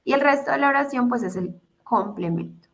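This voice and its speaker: A woman with a fairly high, lively voice teaches English grammar in an online class at a brisk pace. She explains patiently, repeats every step, and checks in with her students by asking "¿listo?"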